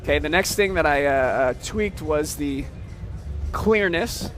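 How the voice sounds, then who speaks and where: On a trade show floor, a man with a slightly high voice gives a loose, casual software demo, animated yet unhurried. He explains each step and keeps checking in with "okay?" while faint music plays behind him.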